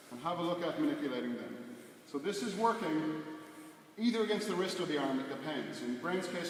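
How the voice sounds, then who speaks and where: A man's voice: a little high, distant mic. A man teaching a martial arts class, demonstrating techniques with casual explanations and short, clipped instructions. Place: large echoey indoor training hall. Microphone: distant camera microphone. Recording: echoey hall from afar, clear background noise.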